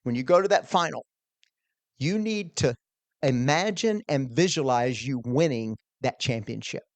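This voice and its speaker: A man's voice: mid-range voice, expressive, a little slow, no echo. A man voicing an elderly preacher in a preaching cadence while he retells a story. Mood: urgent coaching. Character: very old male preacher, encouraging.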